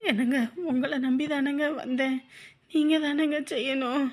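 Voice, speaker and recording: A woman's voice: sits high, little pitch movement, moderate pace, close to an everyday voice. A woman playing a sick, suffering wife who cries and pleads with her family. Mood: pleading. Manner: pleading, moaning. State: crying.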